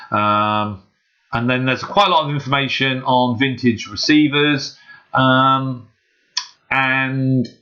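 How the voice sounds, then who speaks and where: On a dull, muffled lo-fi mic, a man with a lowish, bright, forceful voice hosts a casual hobbyist screen walkthrough. He comes across as earnest and unscripted, somewhat hesitant.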